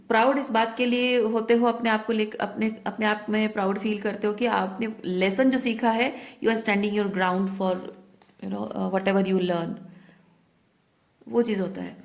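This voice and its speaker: A woman tarot reader talking reflectively in a spiritual guidance talk, often mixing in English words. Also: fairly high pitch.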